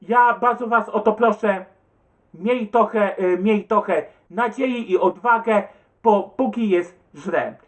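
A man's voice: high voice, takes it slowly. A man who answers viewer comments in an agitated, stumbling rant, swearing and repeating himself. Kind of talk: rambling webcam rant.

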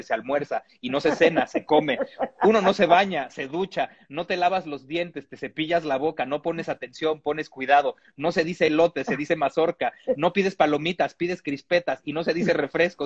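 A man's voice: on the high side, breathy edge, highs cut off. A man from Mexico, reading a humorous text aloud with comic asides and chuckles.

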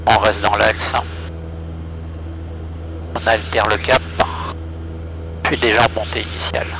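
A man's voice: fairly low pitch, level tone, measured pace, vocal fry, low-quality recording. A male pilot talking through terse checks in a small aircraft cockpit. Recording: cockpit audio, loud engine noise. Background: aircraft engine noise.

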